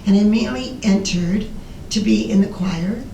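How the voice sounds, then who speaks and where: An older American woman with a raspy voice, giving an informal, rambling, self-deprecating talk about herself as a presenter. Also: fairly quick, dark tone. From Illinois, United States. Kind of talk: informal autobiographical talk to an audience. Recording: roomy, distant mic, faint rumbling noise.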